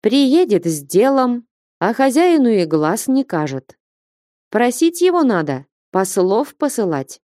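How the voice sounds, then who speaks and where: A woman voicing a stern, grieving old male merchant who scolds and threatens slowly in a storybook reading. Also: on the high side, big pitch swings, dark tone, no room sound, clean studio sound, voice pushed up. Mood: mocking. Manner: reproachful, threatening.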